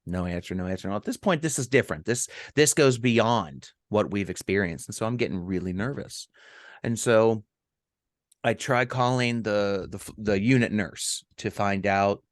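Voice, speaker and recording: A middle-aged man with a low voice recounts a personal story for a podcast, stopping and restarting often with ums. The sound is close and dry, with almost no room around it. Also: dry recording. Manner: halting, with many ums and restarts. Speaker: podcast co-host.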